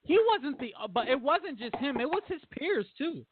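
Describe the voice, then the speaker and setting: Lively high-voiced man on a phone line. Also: moderate pace, noisy background. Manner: animated, emphatic, acts out quotes. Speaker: podcast host. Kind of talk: casual discussion. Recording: dry phone-like audio.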